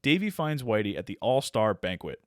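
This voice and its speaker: A man's voice: lowish voice, very animated, a little fast, no room sound, studio quality. Man summarizing a movie plot. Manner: summarizes with asides and laughs. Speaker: podcast co-host. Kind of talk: casual chat, reading a plot summary.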